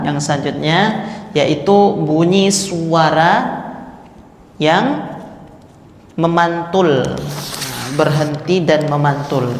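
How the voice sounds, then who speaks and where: A man teaches Quran recitation, slowly and patiently demonstrating letter sounds over and over. His voice rings with a long hall reverb in a roomy space. A faint hiss sits behind him. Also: a little high. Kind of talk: tahsin lesson on letter articulation. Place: mosque.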